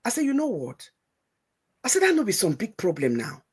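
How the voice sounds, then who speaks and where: Husky-voiced woman with a West African lilt. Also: mid-range voice, wildly swooping pitch, fairly quick, a little mellow. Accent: Nigerian Pidgin-tinged English. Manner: retells conversations in quoted speech, emphatic and motherly. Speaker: show host. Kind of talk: animated storytelling chat.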